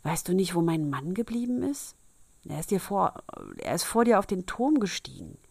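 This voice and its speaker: A woman voicing a frantic sexton's wife in a fairy tale reading, agitated and loud. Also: fairly low pitch, sing-song, normal speed, gravelly, breathy edge, no room sound, heavily acted. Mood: anxious.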